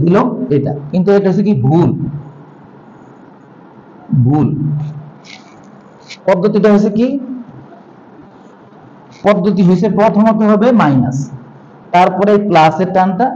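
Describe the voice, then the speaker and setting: A man teaching a class, explaining stroke order step by step and slowly repeating syllables aloud. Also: high voice, mellow. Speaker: language teacher. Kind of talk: classroom lesson on writing. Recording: dull lo-fi sound.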